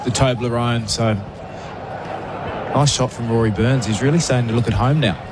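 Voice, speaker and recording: A man's voice: mid-range voice, normal speed. A man giving conversational cricket commentary as an expert co-commentator. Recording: steady outdoor ambient noise.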